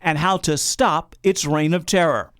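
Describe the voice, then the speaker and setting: A man reading a scripted news voice-over in a dramatic, measured way. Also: fairly high pitch, a bit bright. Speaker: news narrator.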